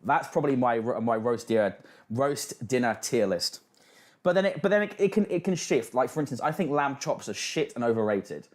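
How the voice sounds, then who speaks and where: A man's voice: mid-range voice, expressive, moderate pace. A British man hosting a casual livestream, reacting and reading out chat with sweary, mocking banter. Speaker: livestream host.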